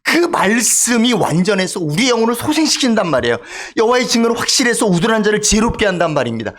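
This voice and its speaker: Lively Korean male pastor preaching. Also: high voice, fast talker. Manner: emphatic, calls for amen from congregation. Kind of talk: sermon. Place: church sanctuary.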